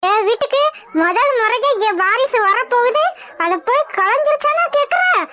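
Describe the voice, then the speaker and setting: A woman voicing a proud, quick-tempered older mother-in-law in a cartoon, shrill and threatening. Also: animated, noisy background. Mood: furious.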